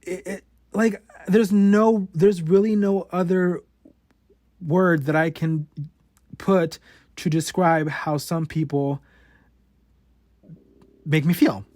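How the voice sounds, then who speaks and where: This podcast host, a man in his late twenties, takes his time, leaving long pauses as he bluntly recounts his own life and swears a lot. His high voice is a little mellow with fairly even intonation, and his stutter brings repeated words and clipped sounds. There's no room sound on the recording.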